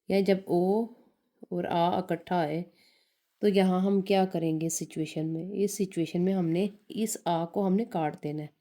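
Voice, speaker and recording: A woman's voice: on the low side, mellow. A woman teaching a beginner Italian lesson, spelling out and repeating words. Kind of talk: slow language lesson.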